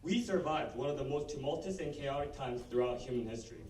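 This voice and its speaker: A man's voice: mid-range voice, animated, fast talker, a little mellow. Male student, about eighteen, formal commencement podium speech, earnest delivery, roomy distant pickup with some noise. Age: teens, about 18. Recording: echoey, distant microphone, background noise.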